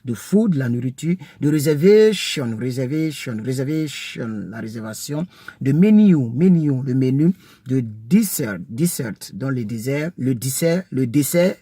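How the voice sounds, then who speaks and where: A man teaching English words to French speakers in a casual lesson, repeating each word slowly and chatting with many fillers. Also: mid-range voice, lively intonation, mellow. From French-speaking country.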